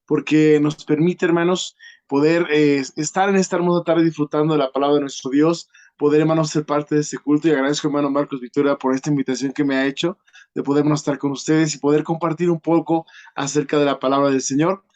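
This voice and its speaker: A man preaching a sermon as a guest preacher. He is earnest, constantly addresses the congregation directly, and leans on pauses and filler sounds. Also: a little high, level tone, a little mellow. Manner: peppers nearly every phrase with a direct address to the congregation.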